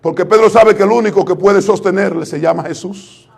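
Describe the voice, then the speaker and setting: A man preaching a sermon to his congregation, fervent and calling them brothers, swinging from hushed to loud. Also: high voice, a little fast, gravelly, husky. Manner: addresses the congregation directly as brothers.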